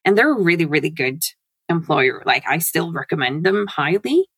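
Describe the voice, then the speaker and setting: A woman, a guest chatting in an animated way and laughing often. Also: low voice, normal speed, slightly rough, no room sound. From Norway. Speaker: guest, CRM consultant. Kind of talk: casual interview chat. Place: home.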